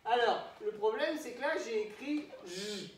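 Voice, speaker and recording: A man's voice: very high voice, normal speed, a little hiss or hum. A patient male schoolteacher leads a phonics lesson and stretches each syllable so young children can follow. His voice bounces around an echoey classroom. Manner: patient, sounds words out syllable by syllable. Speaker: primary school teacher. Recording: echoey room.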